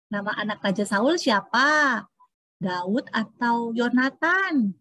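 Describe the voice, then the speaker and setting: A woman teaching Sunday school over a video call, telling a Bible story to children in a lively way, acting out the characters and sound effects and asking the children questions. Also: on the high side, takes it slowly, no echo. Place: online church service over video call.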